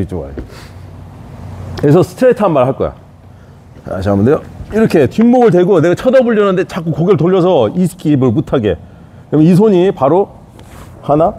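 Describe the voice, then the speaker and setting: A man's voice: on the high side, dark tone, a little hiss or hum. A man teaching a jiu-jitsu escape, talking in short repeated cues as he demonstrates on a partner. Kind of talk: hands-on technique demonstration.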